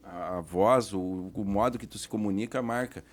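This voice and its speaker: A man's voice: on the low side, moderate pace. A man co-hosting a casual podcast interview, asking questions and adding short remarks of agreement.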